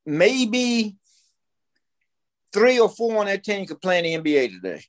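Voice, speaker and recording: An American podcast guest in his fifties recounts stories in casual talk, blunt, opinionated and given to repetition for emphasis. His high voice is very animated, though his pace is a little slow.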